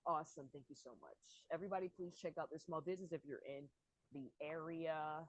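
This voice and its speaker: Lady hosting an open mic online, low voice, upbeat, thanks everyone a lot, dry sound. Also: steady tone, a little fast, no echo, low-quality recording. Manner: upbeat, repeats thanks, bursts of speed. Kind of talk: hosting a live online show. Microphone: video call.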